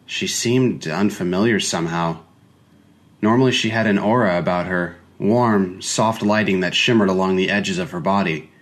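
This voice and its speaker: A man narrating a first-person story in a measured, reflective way. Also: sits low.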